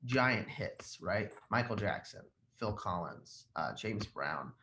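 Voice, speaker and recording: This man in his twenties speaks Arabic natively; born in Jordan, he moved to the United States as a young child and now sings rock. Appearing as a podcast guest on a video call from his living room at home, he tells stories in an animated, casual way with a fairly low pitch and slow pace, in an echoey room with faint background noise.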